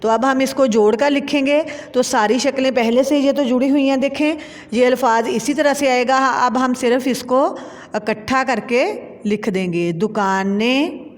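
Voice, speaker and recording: A woman's voice: high voice, moderate pace, big-room sound. A woman teacher with a Pakistani Urdu accent, patiently spelling out words letter by letter in a lesson for young children. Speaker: school teacher.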